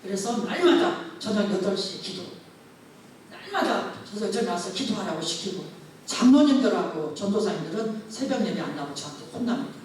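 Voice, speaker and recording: Pastor telling a story in a booming hall. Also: sing-song, fairly quick, darkish tone, a little hiss or hum. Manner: storytelling, acting out dialogue. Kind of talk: testimony sermon. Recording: very echoey church hall, mic far off.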